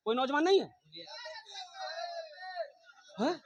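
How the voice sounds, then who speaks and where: A man's voice: very high-pitched, animated, rapid-fire, roomy sound, highs cut off, a little hiss or hum. A man with a Bengali accent preaching a humorous, exhorting fundraising sermon at a religious gathering, calling on the crowd. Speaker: maulana preacher.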